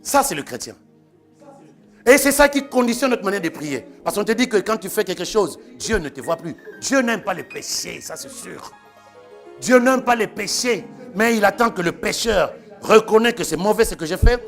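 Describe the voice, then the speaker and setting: A male pastor preaching a sermon, animated and quick to act out the voices of the people he quotes. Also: sits high, faint music behind.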